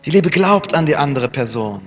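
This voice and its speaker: A man's voice: fairly high pitch, animated, normal speed. A man preaching a sermon, acting out everyday scenes between the Bible verses. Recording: reverberant hall with background music.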